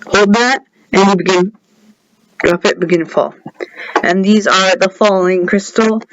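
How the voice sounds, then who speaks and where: Man, high voice, unhurried delivery, rambling game-mod walkthrough with offhand asides, dull lo-fi audio. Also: steady tone, background noise. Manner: rambling, offhand asides, talks to viewers directly. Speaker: game mod creator showcasing his mod. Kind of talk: casual gameplay commentary. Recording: dull lo-fi recording.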